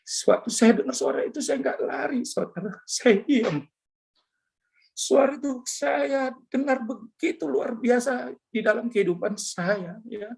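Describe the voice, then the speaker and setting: A man's voice: very high-pitched, measured pace, vocal fry, darkish tone. A man sharing an emotional personal testimony, talking earnestly and directly to his listeners. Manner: earnest, addresses listeners as brothers and sisters. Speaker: testimony giver.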